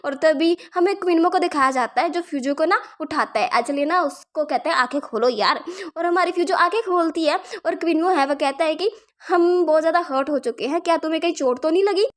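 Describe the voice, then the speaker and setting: A woman's voice: extremely high pitch, a little fast. A woman casually retelling a comic story, chatty and informal, speaking the characters' lines with light shifts in her own voice. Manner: chatty, keeps calling listeners yaar and bhai. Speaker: manhwa recap narrator. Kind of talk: casual story recap narration.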